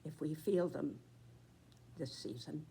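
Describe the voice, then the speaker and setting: Very old woman, slow and halting. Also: low-pitched, gravelly, dark tone. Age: 90s. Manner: very old person's slow, halting delivery in short phrases. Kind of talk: reflective spoken address.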